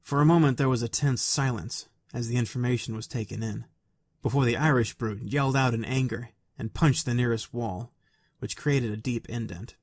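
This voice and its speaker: A man narrating a fan story aloud in a quiet, even, soft-spoken way. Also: mid-range voice, normal speed, no echo, studio quality.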